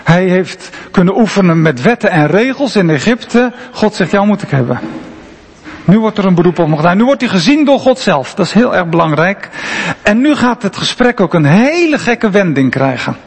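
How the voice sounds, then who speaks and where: High-voiced man preaching in a reverberant hall. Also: sing-song, moderate pace, husky. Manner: conversational, emphatic preaching with frequent rhetorical questions. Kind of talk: sermon. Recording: long reverb of a large hall.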